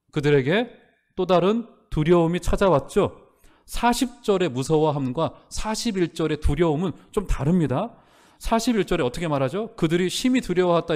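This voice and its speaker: A man preaching a Sunday sermon as pastor, earnest, asking the congregation rhetorical questions and dropping softer for prayerful lines. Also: on the high side. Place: church sanctuary.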